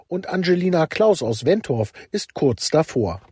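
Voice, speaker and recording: A man's voice: fairly high pitch, big pitch swings, a little slow, darkish tone, slightly rough, dry recording, clean studio sound. A man reading a scripted radio news report.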